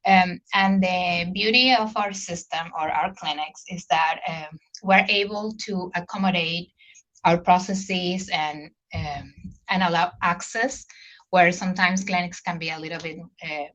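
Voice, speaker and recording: A woman's voice: fairly low pitch, fairly even intonation, measured pace, a bit bright, poor audio. A middle-aged woman from Venezuela with a Spanish accent, presenting as a clinic care coordinator on a video call, hesitant with many fillers. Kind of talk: webinar presentation.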